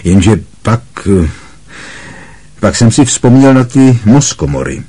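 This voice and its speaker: A man's voice: medium pitch, very animated, dark tone, voice pushed up. A man voicing an anxious, earnest teenage boy wizard pupil who speaks hesitantly.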